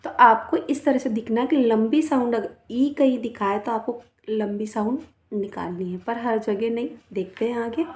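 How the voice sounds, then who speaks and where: Woman teacher with a rajasthan hindi accent, warm mellow voice, coaxing little kids through phonics. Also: a little high, reverberant, slight background noise. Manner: slow, spells words letter by letter and repeats them; coaxing, often adds 'है ना' and 'बेटा'. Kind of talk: children's English phonics lesson.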